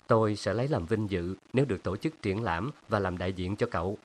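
A suave older collector who speaks calmly and with quiet authority, read by a male narrator. His voice stays lowish and even. It is a storybook reading. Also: lightly acted. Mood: assured. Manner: smooth, assured and unhurried.

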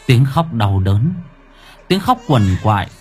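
A man narrating a horror story in a dramatic, expressive way. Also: mid-range voice, takes it slowly, slight background noise. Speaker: audiobook narrator.

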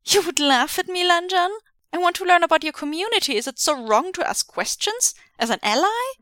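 A woman reading aloud and voicing a flamboyant, cheeky young man who talks high, loud and excitable. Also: brisk, no room sound, clean studio sound. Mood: teasing, whiny.

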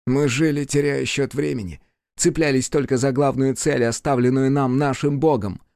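A man's voice: medium pitch, fairly even intonation, moderate pace, vocal fry, darkish tone, clean tone, no room sound, studio quality, pitched above the performer's own voice, close to an everyday voice. A man voicing a vengeful, anguished male demon in an audiobook, shrieking and wailing on the edge of tears. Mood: bitter. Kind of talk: audiobook character voice.

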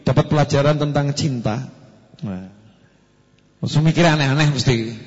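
Lively preacher in a hall. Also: male voice, mid-range voice. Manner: lively, acts out quotes, shifts between soft and emphatic. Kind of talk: sermon. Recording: echoey hall, dull lo-fi sound.

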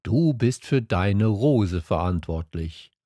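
A man reading an audiobook and voicing a wise, calm fox who explains things patiently. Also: fairly low pitch, slow, no echo, studio quality. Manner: patient, teaching.

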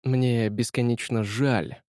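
A man voicing a poor young nobleman, who speaks slowly, formally and courteously. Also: medium pitch, warm tone, no room sound, clean studio sound, close to an everyday voice.

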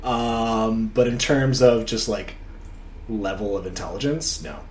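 A man's voice: fairly low pitch, a little slow. A young man hosting a podcast in a casual, chatty style. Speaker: podcast host. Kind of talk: casual chat. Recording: echoey room, faint background noise.

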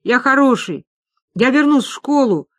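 A woman's voice: a little high, sing-song, moderate pace, a bit bright, no room sound, voice pushed up. A woman voicing a cheeky teenage boy who turns whiny and pleading, reading a story aloud. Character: scared cheeky teenage boy, a petty thug.

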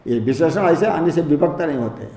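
A man with a fairly high voice delivers a slow, methodical scriptural lecture. He explains each term, repeats it and rephrases it patiently. The recording has an echo, as in a roomy hall. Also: animated, dark tone. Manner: explains Sanskrit terms word by word in Hindi. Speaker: Vedanta teacher.

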